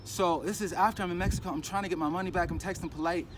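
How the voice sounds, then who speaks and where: A man in a casual vlog, telling a personal story in a rambling, animated way and acting out other people's lines. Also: sits high, very fast. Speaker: crypto vlogger. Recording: outdoor street noise, passing traffic. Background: traffic noise.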